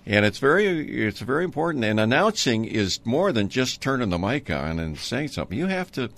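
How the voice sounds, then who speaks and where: A man's voice: mid-range voice, sing-song, brisk, gravelly, a bit bright. An older man from Minnesota, a retired radio announcer, reminiscing in a rambling way with many ums and uhs and chuckles. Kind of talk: reminiscing interview talk.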